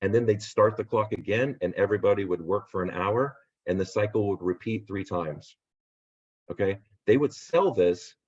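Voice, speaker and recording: A man hosting a real estate agent training on a video call, upbeat and rambling, losing his voice and clearing his throat. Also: on the low side, normal speed, darkish tone. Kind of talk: casual video call pep talk. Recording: dull lo-fi video call audio.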